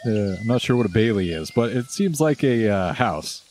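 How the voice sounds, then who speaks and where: A low-voiced man narrating a tabletop game as game master. He describes each scene in a relaxed, unhurried way with pauses and fillers. Faint crickets and outdoor ambience sit behind him. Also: slight background noise.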